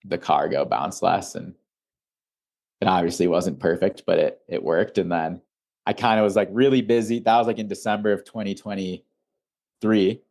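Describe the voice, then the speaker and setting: Young man, very low voice, relaxed, rambling, lots of fillers, founder guest. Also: moderate pace, creaky. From Illinois, USA. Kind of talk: casual interview.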